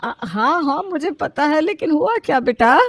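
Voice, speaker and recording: A woman voicing an indulgent older mother-in-law in an animated storybook, placating her son. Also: high-pitched, normal speed, no echo. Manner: soothing, placating.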